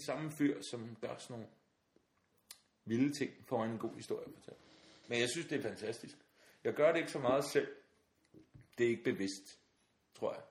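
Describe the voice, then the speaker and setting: Danish-speaking man telling animated anecdotes. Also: medium pitch. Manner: animated storyteller, acts out voices, laughs often. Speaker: podcast guest. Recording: roomy sound with faint noise.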